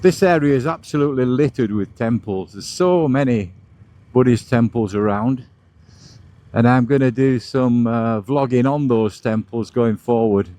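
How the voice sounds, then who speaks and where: This motovlog host speaks at a normal pace in a mid-range voice with a dark tone. Riding his motorbike down the road, he offers relaxed, tour-guide-style commentary while vehicles and wind roar around him.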